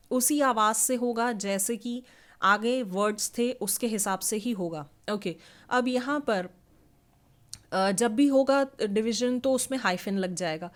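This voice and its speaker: A woman with an Indian accent teaching an English phonology lesson, reading definitions slowly and explaining in a mix of Hindi and English. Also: fairly high pitch. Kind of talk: online class lesson.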